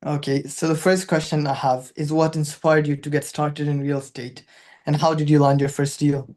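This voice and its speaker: A podcast host greets the guest and asks short interview questions. The voice is middle pitched and stays flat and even. The delivery is brief and plain. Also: normal speed.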